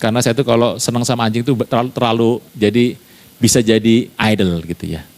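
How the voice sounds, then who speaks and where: A middle-aged man, a pastor, telling a family anecdote in a lively sermon, acting out the dialogue of the people in it. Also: medium pitch, fast. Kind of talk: storytelling sermon.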